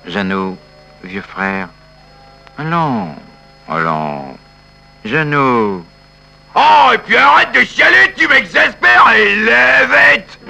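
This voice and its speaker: A man's voice: sits high, slow, creaky, bright, forceful tone, soft background music, exaggerated voice, poor audio. A man voicing a tactless fellow who mocks and fusses over a weeping friend in a comic sketch. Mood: coaxing. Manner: bossy, mocking, fussing.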